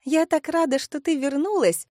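A woman doing a shrill, gushing young woman. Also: sing-song, moderate pace, darkish tone, no echo, studio quality. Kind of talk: audiobook character voice.

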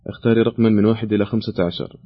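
A man's voice: fairly low pitch, little pitch movement, racing, slightly rough, muffled recording. A man hosting a call-in quiz, reading questions aloud and patiently repeating the options. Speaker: quiz show host.

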